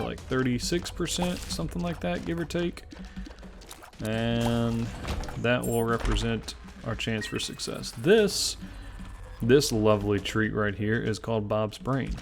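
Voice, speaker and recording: Against a noisy background, this gaming channel host, a Memphis man in his twenties with a Southern accent, talks at a measured pace in a creaky mid-range voice. He narrates his gameplay casually, runs himself down in jest, and tends to ramble between ideas.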